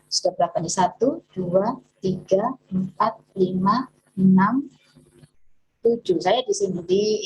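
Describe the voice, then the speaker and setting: Chatty woman therapist demonstrating techniques. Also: rough recording. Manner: warm, chatty teaching with hands-on demonstration; lively pitch swings and occasional laughs. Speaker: self-healing therapist. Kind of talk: casual explanatory chat.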